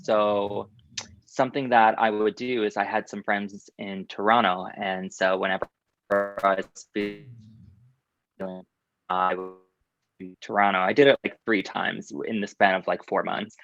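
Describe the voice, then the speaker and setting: A man's voice: fairly low pitch, a bit bright, no echo. A man, a drag performer, being interviewed in casual chat, upbeat and laughing often. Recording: dull, dry lo-fi audio.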